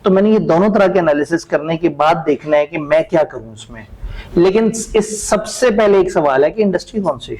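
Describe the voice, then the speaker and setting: A man's voice: on the high side, expressive, fairly quick, darkish tone, poor audio. A man giving a classroom lecture, talking it through conversationally and posing questions he then answers himself. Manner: conversational, asks rhetorical questions and answers them.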